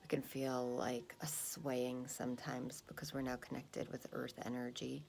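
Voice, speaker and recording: A woman calmly guiding a grounding exercise in an unhurried, soothing way with pauses, her breathy voice often dropping close to a whisper. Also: extremely low pitch, slight background noise. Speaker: guided meditation leader. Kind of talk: calm guided grounding exercise.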